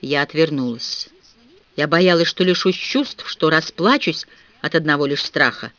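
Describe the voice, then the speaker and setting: A man reading a story aloud as an audiobook narrator, expressive and animated. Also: a little high, a little slow, dry recording. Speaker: audiobook reader. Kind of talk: scripted narration. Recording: dull dry audiobook recording.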